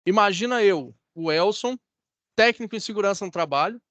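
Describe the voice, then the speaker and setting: A course instructor with a Brazilian Portuguese accent teaches an online class over a video call, keeping it conversational and checking in with his students often. His high-pitched, slightly bright voice is animated and moderately paced, and the recording is dry.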